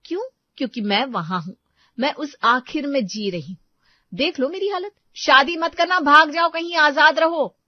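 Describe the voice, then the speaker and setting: Brief: a woman playing a furious cartoon housewife, biting and sarcastic, high-pitched, dry lo-fi read. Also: big pitch swings, moderate pace, no room sound. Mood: bitter. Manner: harsh, shouting, sarcastic. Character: angry scolding young housewife. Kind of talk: cartoon storybook voice acting. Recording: dull lo-fi voice track.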